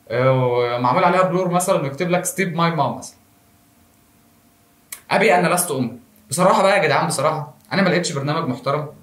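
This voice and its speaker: Egyptian guy doing a rapid-fire comedy monologue into his phone, echoey room. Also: fairly high pitch, fairly bright tone. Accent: Egyptian Arabic. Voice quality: jokey, self-mocking asides. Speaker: comedy show host. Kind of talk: comic monologue to camera. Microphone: phone camera. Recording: roomy echo.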